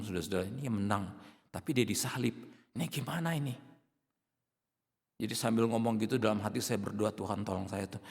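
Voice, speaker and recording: A male pastor preaching a sermon in a dramatic way, now and then shouting out acted outbursts. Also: mid-range voice, vocal fry, big-room sound.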